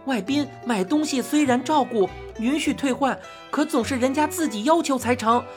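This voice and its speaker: A woman voicing a nervous little shopkeeper man who pleads in a high, squealing voice. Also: normal speed, music in the background, natural voice. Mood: pleading.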